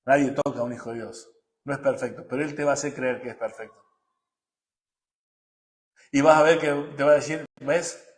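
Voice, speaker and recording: A male pastor, preaching emphatically and questioning his congregation, swinging from loud to hushed. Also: mid-range voice, steady tone, fairly quick, long pauses. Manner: emphatic preaching, rises and drops sharply, asks the congregation questions. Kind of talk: sermon.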